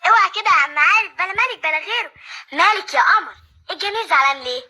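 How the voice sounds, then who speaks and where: An actress playing a cheeky, caring young maid in an old Egyptian film, talking with an Egyptian accent in a quick, teasing way. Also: female voice, very high voice, animated, pushed and bright, slight background noise, exaggerated voice. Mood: playful.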